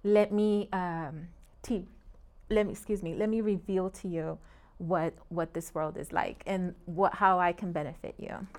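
A woman's voice: on the low side, fairly even intonation, unhurried. A middle-aged woman from Puerto Rico, a real estate agent guest talking earnestly and in detail in a casual interview, often laughing between points.

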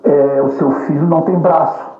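A man voicing a hospital doctor who delivers bad news in a flat, matter-of-fact way. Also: on the high side, normal speed, natural voice. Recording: roomy, dull lo-fi, faint music.

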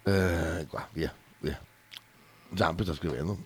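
A man hosting a casual radio show, playing clips and commenting on them in relaxed banter. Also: sits low, takes it slowly, slightly rough.

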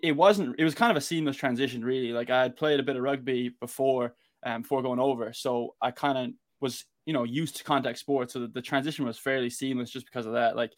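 A man from Galway with a west of Ireland accent, talking informally and rambling a little as a guest on a casual podcast. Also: mid-range voice. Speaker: interview guest, American football player.

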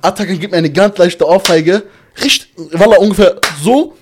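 Excitable slangy young man, high voice. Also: normal speed, a little hiss or hum. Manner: excitable, slangy, laughs while telling. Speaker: podcast guest. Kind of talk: casual storytelling chat.

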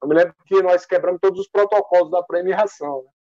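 A man's voice: sits high, quick pace, darkish tone, no room sound, dull audio. A man being interviewed as an athlete. He tells stories casually and with energy, rambling and using many fillers. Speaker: guest athlete.

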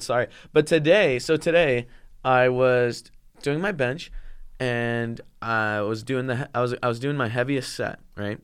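A man's voice: medium pitch, fairly bright tone, clear, resonant tone. A young man co-hosting a podcast, telling stories in casual chat, swearing freely and laughing as he talks. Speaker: podcast co-host.

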